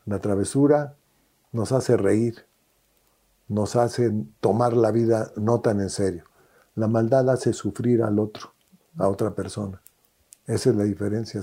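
An older man giving gentle, fatherly advice in an interview. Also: lowish voice, husky. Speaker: interviewed elder and songwriter. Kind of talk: relaxed conversational advice.

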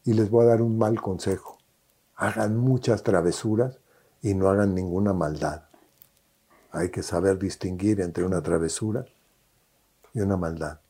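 An older man giving gentle, fatherly advice in an interview. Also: low voice, fairly even intonation, normal speed, long pauses, husky. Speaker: interviewed elder and songwriter. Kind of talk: relaxed conversational advice.

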